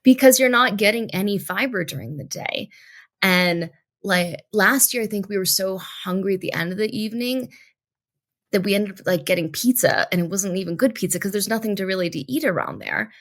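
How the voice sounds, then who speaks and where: A woman podcast host in casual, animated chat, laughing often. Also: mid-range voice, fairly quick.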